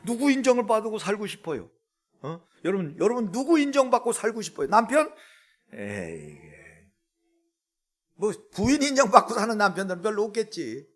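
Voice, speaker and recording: A male pastor preaching a sermon to his congregation in a church, swinging between hushed lines and loud ones and asking the people questions. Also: high-pitched, animated, fast. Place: church sanctuary.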